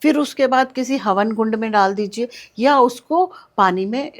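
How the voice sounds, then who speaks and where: A woman's voice: fairly high pitch, normal speed. Woman patiently explaining, repeating key words. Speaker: guest, switch-word remedy expert. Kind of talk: explanatory podcast conversation.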